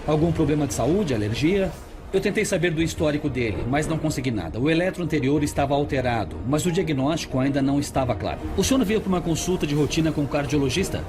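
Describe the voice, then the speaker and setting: An actor playing a calm emergency doctor with a Brazilian accent, explaining and reassuring in a dubbed documentary. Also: male voice, fairly high pitch, fast talker, lightly acted. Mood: patient. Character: calm, patient male emergency room doctor. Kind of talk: dubbed documentary dialogue and narration. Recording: music behind the voice.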